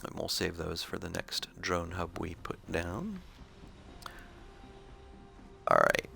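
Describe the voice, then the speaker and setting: Low gravelly man explaining a game. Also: slow, soft background music. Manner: relaxed, explanatory, thinking aloud. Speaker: gameplay commentator. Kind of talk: casual gameplay commentary.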